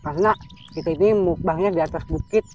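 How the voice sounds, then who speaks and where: A woman's voice: on the low side, fast, dark tone. A woman chats casually as an outdoor mukbang host, talking with her mouth full as she eats. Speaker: vlogger hosting an outdoor eating show. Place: outdoors on a windy hillside plantation. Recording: noisy outdoor recording with clicks. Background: wind and outdoor nature sounds.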